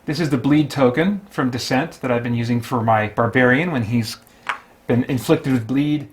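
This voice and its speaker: A man with a mid-range voice speaks at a normal speed over a faint hiss or hum. He's hosting a solo tabletop gaming stream, offering casual running commentary on a board game and thinking aloud as he works through each move.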